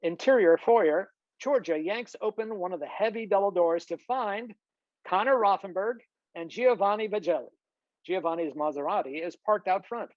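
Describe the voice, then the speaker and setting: Over a video call, a narrator with a medium-pitched voice reads screenplay scene headings and stage directions as scripted narration at a moderate pace. There's no echo, though the video-call audio is slightly dull.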